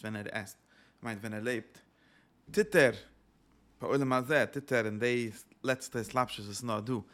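A man's voice: mid-range voice, fairly bright tone. A man teaching a religious lesson, searching for words, often repeating them and dropping in English phrases. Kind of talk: Torah lecture in Yiddish-inflected German.

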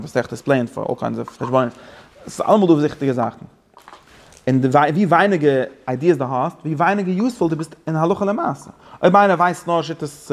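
A man teaching an informal religious class to students, halting, with many restarts and repeated words, and English phrases mixed in. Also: mid-range voice, gravelly.

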